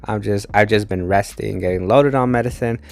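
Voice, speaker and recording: He talks fairly quickly in a gravelly voice, a tired, congested film reviewer bouncing back from voice loss. The casual review is low-energy and recorded as a close-miked voice-over.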